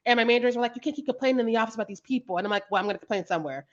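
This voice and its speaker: A woman from Kansas City on a podcast, telling stories in a casual, animated way and laughing often. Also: on the high side, very fast, muffled recording. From Kansas City, Missouri, US. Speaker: podcast guest, playwright.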